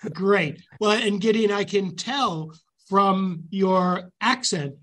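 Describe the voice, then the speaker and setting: High-pitched male New radio host. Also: fairly even intonation, slow, a bit bright, poor audio. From the Bronx, New York. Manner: enthusiastic, chatty, circling phrases. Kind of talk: conversational interview hosting.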